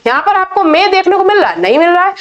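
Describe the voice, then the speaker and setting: A woman's voice: extremely high pitch, very animated, highs cut off. A woman teaching an English grammar lesson in Hindi, patiently repeating each rule. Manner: slow, patient, repeats key points.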